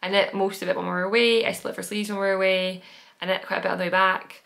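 A knitting podcast host and pattern designer talks fast in a mid-range, slightly bright voice that is creaky and flat in delivery. She casually chats while showing her projects, rambling with fillers and correcting herself.

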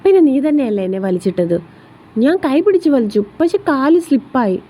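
A woman's voice: high voice, sing-song, a little fast, mellow, pitched above the performer's own voice. A woman doing a coy, whiny young girlfriend. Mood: pouting. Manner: whiny, pouting.

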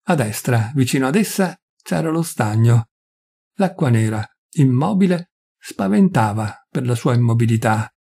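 Gravelly husky male audiobook reader. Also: medium pitch. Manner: measured, expressive reading. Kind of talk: audiobook narration.

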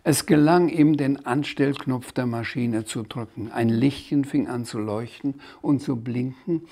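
German guy reading a children's book, expressive, gravelly voice. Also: mid-range voice, unhurried. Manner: lively, expressive read-aloud, occasional asides. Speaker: author reading his own children's book. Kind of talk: storybook read-aloud.

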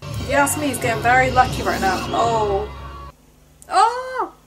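A woman's voice: fairly high pitch, brisk, over music, poor audio. Chatty young woman reacting. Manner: chatty, joking, laughs often. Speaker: movie reaction creator. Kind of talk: casual movie reaction commentary.

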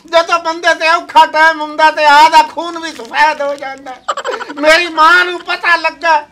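A man's voice: very high-pitched, flat delivery, moderate pace, bright, forceful tone. A man with a Pakistani Punjabi accent playing a scheming villager in a rustic comedy sketch, pleading and tearfully overdoing it. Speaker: comic villager.

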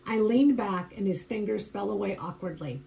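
Woman, audiobook narrator, first-person, conversational, wry, warm mellow tone. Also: mid-range voice, moderate pace, vocal fry, slight background noise, low-quality recording. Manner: conversational, wry inner monologue.

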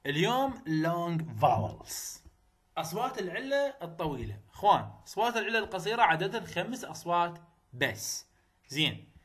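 A man's voice: high voice, fairly bright tone. Iraqi man teaching English vowels. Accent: Iraqi Arabic. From Iraq. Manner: chatty, repeats example words slowly over and over. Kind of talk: recorded lesson on English vowel sounds.

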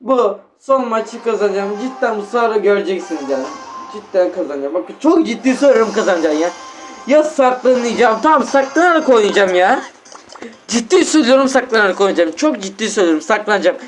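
A man commentating his own gameplay for viewers, excitable and easily exasperated, with game music behind him. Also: high voice, fast. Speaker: gaming channel host.

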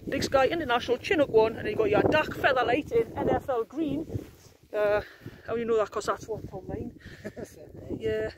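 Filming her camping trip on open moorland with a handheld phone, an outdoor vlogger chats, teases and laughs often. Her gruff voice is on the high side at a normal speed, with a noisy background.

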